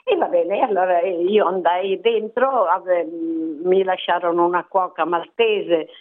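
An older woman from Italy, a radio interview guest telling stories in a lively, rambling way and acting out what people said. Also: fairly low pitch, unhurried. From southern Italy. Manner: lively storyteller, acts out quotes, rambling asides. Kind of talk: phone interview, reminiscing. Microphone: telephone. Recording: tinny phone line.

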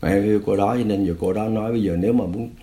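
A man voicing a frightened former policeman who pleads softly and confesses. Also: lowish voice, steady tone, racing, close to an everyday voice. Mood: confessing. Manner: pleading, soft and apologetic.

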